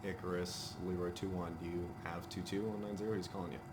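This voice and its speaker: Brief: male mil-sim commander, low even voice, matter-of-fact radio procedure, very noisy background. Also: quick pace. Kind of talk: military radio commands, gaming. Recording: loud background noise over game audio.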